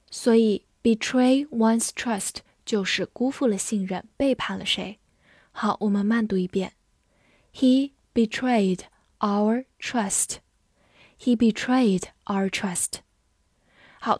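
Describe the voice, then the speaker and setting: Female vocabulary teacher, patient and clear, a little high-pitched, dry close mic. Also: a little mellow, no room sound. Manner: clear, patient, spells words letter by letter and reads slowly. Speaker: English teacher. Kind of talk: vocabulary lesson.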